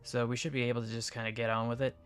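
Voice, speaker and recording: A woman's voice: very deep voice, level tone, very fast, clean tone. A woman casually chatting while she streams a video game, playful and a bit silly. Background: faint background game music.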